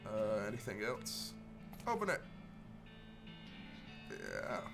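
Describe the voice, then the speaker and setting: A man's voice: on the low side, wildly swooping pitch, takes it slowly, gravelly, music in the background. A man giving casual commentary on a video game playthrough, mumbling asides and reading on-screen text aloud.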